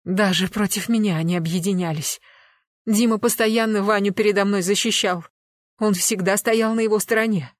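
Reader doing a crying mom begging, high loud voice, dry close audiobook sound. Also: female voice, fairly even intonation, moderate pace, dry recording, close to an everyday voice. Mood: pleading tearful. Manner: crying, imploring outbursts. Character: distraught weeping mother, pleading, defending husband. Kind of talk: audiobook dialogue.

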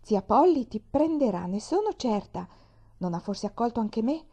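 An excited little girl who chatters eagerly, her voice raised and bright with enthusiasm, as a woman reader puts her on. She talks in breathless bursts, pitched well above an ordinary speaking voice. The underlying tone stays soft and mellow. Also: normal speed, lo-fi sound. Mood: eager, chattering. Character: cheerful chatty young girl, eager and warm-hearted.

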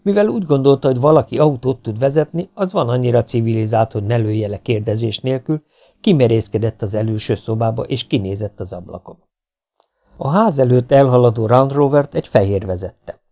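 A man reading an audiobook aloud in a steady, even storytelling manner. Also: medium pitch. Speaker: audiobook narrator. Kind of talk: amateur audiobook narration.

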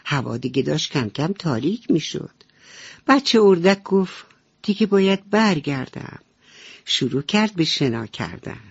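A woman's voice: deep voice, very animated, gravelly, husky, no room sound. A woman storyteller narrating a bedtime story for children, speaking to them tenderly and fondly. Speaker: radio storyteller. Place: radio studio. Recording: dull radio recording, faint music.

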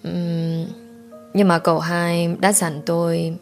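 A woman's voice: lowish voice, level tone, takes it slowly, darkish tone, faint music behind. A woman voicing a polite young male driver who speaks hesitantly in a storybook reading.

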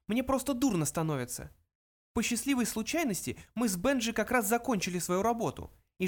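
Frankie, a brisk squeaky mouse voiced by a man.

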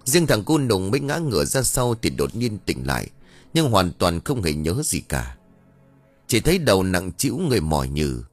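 A man's voice: deep voice, sing-song, moderate pace, soft background music. A man narrating a ghost story in a dramatic storytelling manner.

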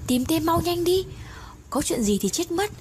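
A woman's voice: on the high side, animated, a little mellow. A woman voicing a blunt, loyal young woman who scolds and urges her friends on, heard over a noisy hiss. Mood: panicked. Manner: brisk, scolding, urgent.

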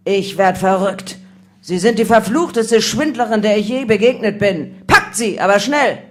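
A woman voicing a gruff, bullying male police captain who barks his commands loudly. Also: lowish voice, sing-song, normal speed. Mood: shouting angrily. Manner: barking, shouted commands.

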